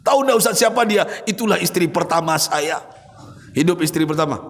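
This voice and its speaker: A man voicing a remorseful rich man in his seventies, confessing in a low pleading voice. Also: animated, brisk, a bit bright. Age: 70s. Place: mosque hall. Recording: reverberant mosque hall.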